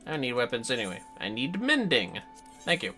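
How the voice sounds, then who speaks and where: This livestream has an androgynous-voiced streamer swearing freely, muttering to themselves, and bantering playfully while they play. The medium-pitched voice has a sharp tone and huge pitch swings, moves fairly quickly, and sits over soft background music.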